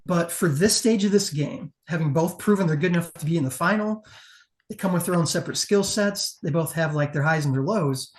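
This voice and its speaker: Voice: medium pitch, fairly quick. A competition judge giving a casual panel critique in an emphatic, profane, conversational way.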